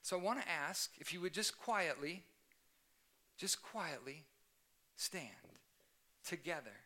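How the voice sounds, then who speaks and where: Speaking slowly with lively intonation, a young man preaches to a church youth service as its pastor. His slightly high, sharp voice carries an earnest, emphatic tone, and he stresses points by repeating key phrases.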